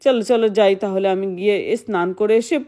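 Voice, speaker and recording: A woman voicing a polite, flustered son-in-law, speaking low and hesitantly. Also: steady tone, quick pace, mellow, lightly acted. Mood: sheepish.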